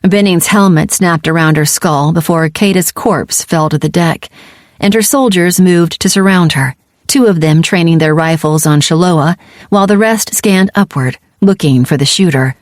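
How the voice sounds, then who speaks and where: A woman narrating a science-fiction audiobook in a steady, even storytelling manner. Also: on the low side, moderate pace, no echo, studio quality. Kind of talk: scripted narration.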